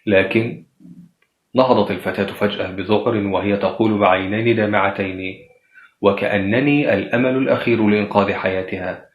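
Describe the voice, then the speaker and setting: A man narrating a first-person psychological horror story at a measured, steady pace. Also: fairly low pitch. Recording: roomy echo.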